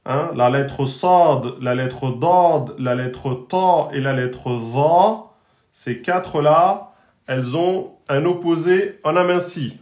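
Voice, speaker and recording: A man's voice: on the high side, takes it slowly, a little mellow. A man teaching an online lesson on Arabic letters, patiently repeating and drilling each pronunciation. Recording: roomy echo.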